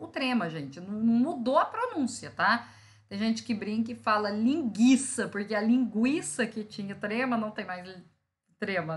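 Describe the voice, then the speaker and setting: A woman teacher with a fairly high pitch and fairly bright tone explains grammar step by step in a recorded lesson. She pauses to check on students and sounds out syllables slowly to make them stand out.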